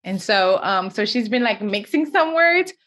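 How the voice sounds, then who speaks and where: A woman's voice: medium pitch, lively intonation, normal speed, fairly bright tone. A young woman from Senegal whose first language is French, a podcast host talking in an earnest, casual way and often restarting her sentences. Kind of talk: casual chat.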